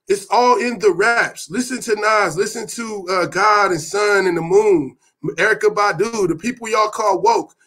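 A middle-aged man from Oakland teaches hip hop history in a loose, conversational way. His voice sits high and light. He peppers his talk with street slang and swears, breaking into loud bursts to drive a point home. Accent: Oakland, California. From Oakland, California. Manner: animated, with sudden loud bursts. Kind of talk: casual lecture.

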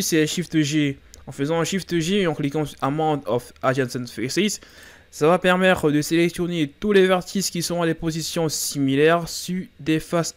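Homme au ton décontracté, voix un peu aiguë. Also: male voice, a little high. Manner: casual, self-deprecating, thinks aloud with fillers. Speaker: Blender tutorial host. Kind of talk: screen-recorded software tutorial.

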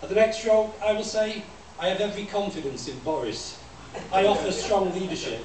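A poet with a high, slightly mellow voice recites a poem in measured, declamatory, repetitive deadpan fashion to an audience in a small library room. His microphone is on a stand, yet the sound was taken by a faraway camera, giving a noisy, echoey result.

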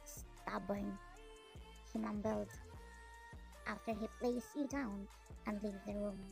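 A woman's voice: medium pitch, steady tone, a little slow, gravelly, over music, rough recording. A woman narrating a fan fiction story in the second person as a voiceover.

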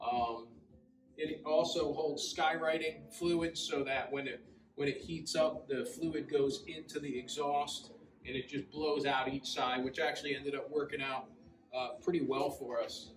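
A man in his forties giving a casual, relaxed walkaround tour of a custom motorcycle, filling pauses with ums and uhs as he talks. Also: fairly high pitch. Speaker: custom motorcycle builder, shop owner. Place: large indoor motorcycle showroom with metal walls. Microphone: camera several feet away. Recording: roomy echo, distant mic, faint room hum.

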